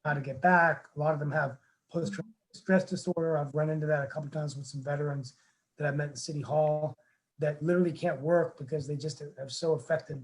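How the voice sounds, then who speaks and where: A man hosts a webinar over a video call. His voice sits a little high for a man. He rambles earnestly, with many restarts and fillers. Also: a little mellow, low-quality recording. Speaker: webinar host, town council member. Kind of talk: casual webinar talk.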